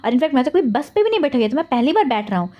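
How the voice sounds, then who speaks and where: A woman's voice: high voice, very animated, rapid-fire, muffled recording. A woman voicing a cheeky, playful ten-year-old boy who whines and teases. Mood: teasing. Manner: whiny, teasing.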